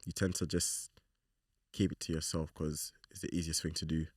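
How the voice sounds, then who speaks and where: A young man from talks in a loose, slangy way with an extremely low voice. He sits a little back from the microphone in a dry room. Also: level tone, normal speed, husky, no room sound, distant mic. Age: 20s. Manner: laid-back, slangy, acts out quoted remarks. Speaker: podcast guest. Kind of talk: casual group chat.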